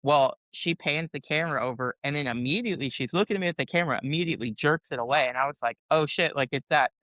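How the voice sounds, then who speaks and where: Bright-voiced man telling army stories. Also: fairly high pitch, very fast, dry recording, muffled recording. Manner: laughing, profane, animated storyteller. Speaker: podcast guest, Army veteran. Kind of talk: casual storytelling.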